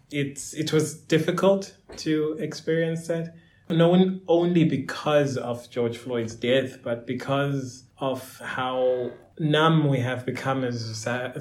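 A man's voice: medium pitch, echoey room. A man in his thirties, a guest on a podcast, speaking hesitantly and thoughtfully. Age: 30s. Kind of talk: podcast conversation.

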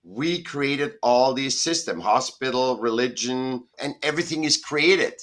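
A middle-aged Austrian man joins a video call as a guest artist from his home in Southern California, chatting casually in an interview. His medium-pitched voice is animated and fairly bright, moving at a measured pace as he rambles emphatically and often corrects himself.

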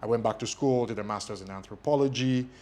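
A Nigerian man whose first language is Ijesha speaks in a mid-range voice, talking fast over crowd noise. He's a media company CEO appearing as a guest in a casual interview, telling his story with plenty of ums and a self-deprecating air.

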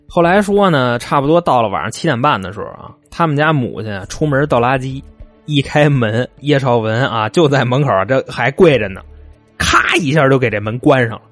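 Male true-crime narrator, animated swooping delivery, chatty folksy asides, faint music under him. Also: medium pitch, no room sound. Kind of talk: colloquial spoken crime storytelling.

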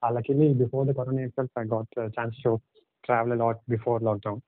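A native Telugu speaker with an Indian English accent tells travel stories as a podcast guest, speaking haltingly and hesitantly. His mid-range voice is level in tone, with no room sound, over a dry, tinny phone-like line.

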